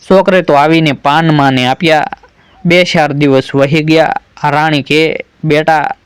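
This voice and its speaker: A man with a Gujarati accent narrates a folk tale, slipping the characters' lines into his own plain telling. His voice sits fairly high and sounds smooth and resonant. The recording is dry and close. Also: no echo. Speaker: storyteller.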